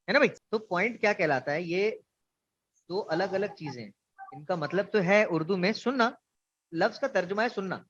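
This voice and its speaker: A man's voice: high-pitched, a bit bright. A man giving an online orientation lecture, explaining ideas through examples and asking students questions. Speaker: instructor. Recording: dull lo-fi online class audio.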